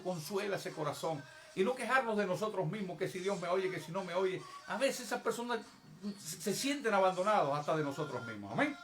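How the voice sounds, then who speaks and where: A man preaches to his congregation in a high, emphatic voice. He talks to them directly and acts out prayers with raised intensity. Soft music plays faintly behind him during the service. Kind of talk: evangelical sermon. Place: church service.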